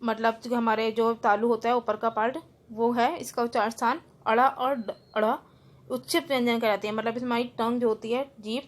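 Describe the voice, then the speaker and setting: A woman teacher with a fairly high voice takes students through a grammar lesson. She breaks words apart sound by sound and then explains each rule again more simply, slipping English terms in along the way. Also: fairly even intonation, fairly quick. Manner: spells out words letter by letter. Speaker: school teacher.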